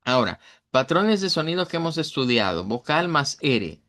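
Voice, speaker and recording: A middle-aged male English teacher with a Central American Spanish accent explains vowel sounds in a recorded online class, with fillers and self-corrections. He talks at a normal speed in a fairly high, fairly bright, sing-song voice.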